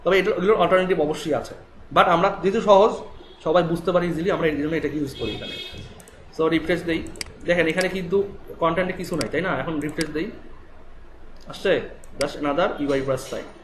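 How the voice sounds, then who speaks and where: A man with a Bangladeshi Bengali accent leads a live coding lesson, rattling through explanations at a quick clip and pausing to ask if everyone follows. His voice sits a little high. The room echoes around him and a faint hum of ambience stays in the background. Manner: rapid, explanatory, asks students checking questions. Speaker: web development instructor.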